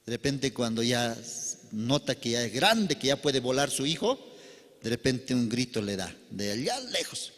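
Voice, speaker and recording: A man preaching a sermon, telling a parable dramatically, with sudden loud outbursts and quiet drops. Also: mid-range voice, animated, moderate pace, big-room sound. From Bolivia. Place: church service.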